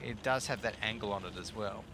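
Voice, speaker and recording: Male esports caster, bright tone, analytical with jokes, faint background hiss. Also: on the low side, a little fast. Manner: chatty, analytical, tossing in jokes. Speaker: esports commentator. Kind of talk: live esports play-by-play commentary.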